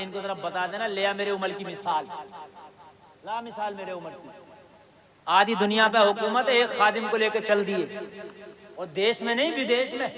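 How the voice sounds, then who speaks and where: Man preaching to a crowd, rising to shouts. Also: sits high. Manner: swings from hushed asides to shouted climaxes. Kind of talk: sermon storytelling. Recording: live gathering with crowd behind.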